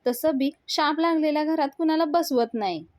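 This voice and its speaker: Woman doing a sharp-tongued scolding mother. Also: high voice, normal speed, no room sound, pitched above the performer's own voice, close to an everyday voice. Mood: taunting. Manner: taunting, scolding.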